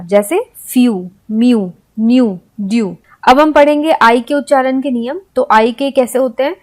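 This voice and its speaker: A woman gives a spoken-English lesson. Her voice sits somewhat high, and she spells out letters one by one before saying each example word with slow, careful emphasis. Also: a little mellow. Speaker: English teacher.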